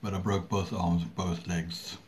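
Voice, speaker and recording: A middle-aged man chats to the camera in a low voice. He goes very slowly and haltingly, pausing often and clearing his throat. The home recording has noticeable background noise. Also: flat delivery. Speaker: vlogger. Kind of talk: casual talk to camera. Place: small room at home indoors.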